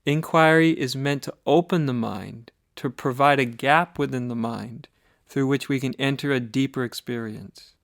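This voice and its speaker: With a medium-pitched voice that's creaky and a bit bright, an American man guides a meditation as a spiritual teacher. His delivery is measured and deliberate, short phrases broken by pauses, captured as clean studio sound without echo.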